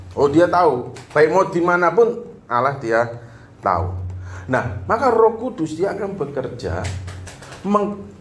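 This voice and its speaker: A man preaching, chatty and joking as he talks to the congregation in plain everyday speech. His voice sits at an ordinary middle pitch. The room is echoey, with a faint hum of background noise. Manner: jokey, conversational, acts out little dialogues. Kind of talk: sermon. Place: church hall.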